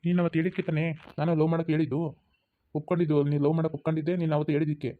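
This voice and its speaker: A man's voice: on the high side, little pitch movement, rapid-fire, lightly acted. A man voicing a young male college student who insistently demands an answer. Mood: demanding. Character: young male college lover, pushy and impatient. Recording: tinny phone-like sound.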